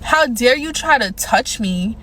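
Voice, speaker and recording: A young adult woman telling a dating horror story in a casual, animated way, emphatic and profane, with mounting indignation. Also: a little high, unhurried, slight background noise, poor audio. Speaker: storyteller vlogger.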